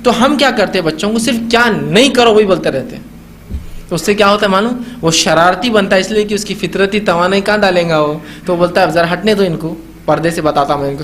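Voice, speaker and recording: This is a man preaching on parenting, with a voice that sits high. He talks in a conversational way, keeps asking the listeners rhetorical questions, and slips into the voices parents use with their children. A faint hiss of noise runs under his speech. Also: a bit bright. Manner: acts out parents' voices when talking to children. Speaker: Islamic preacher. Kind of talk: religious talk on parenting.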